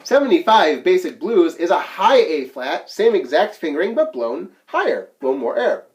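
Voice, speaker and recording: A man's voice: high voice, big pitch swings, moderate pace. A man teaching a flute lesson, counting beats aloud and explaining each musical term plainly. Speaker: band teacher.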